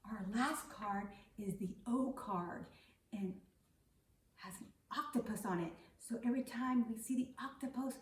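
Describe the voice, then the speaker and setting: High-voiced woman teaching small children. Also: a little hiss or hum. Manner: speaking to small children, slow emphasized key words and drawn-out letter sounds. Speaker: kindergarten teacher. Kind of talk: phonics lesson for young children. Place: indoor room set up as classroom. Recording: roomy echo, distant mic.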